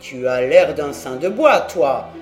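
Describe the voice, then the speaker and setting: A reader voicing a gruff, swearing old country squire in an audiobook, speaking loud and boastful. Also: mid-range voice, animated, takes it slowly, faint music behind, pitched below the performer's own voice. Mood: boisterous. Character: blustering old Breton country squire, the uncle. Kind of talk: audiobook character voice.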